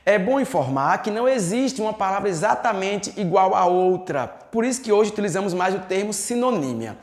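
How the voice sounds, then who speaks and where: A man's voice: high voice, expressive, a little fast. A Brazilian man teaching a recorded exam-prep lesson, who poses questions to himself and then answers them. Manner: didactic, asks and answers his own questions. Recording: echoey room.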